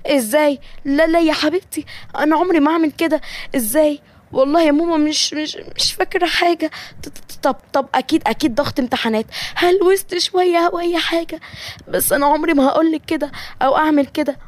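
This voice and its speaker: A woman voicing a teenage daughter in an animated story, with an Egyptian accent and a bright, high voice. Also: racing, natural voice. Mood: flustered. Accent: Egyptian Arabic. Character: teenage daughter, sweet-natured.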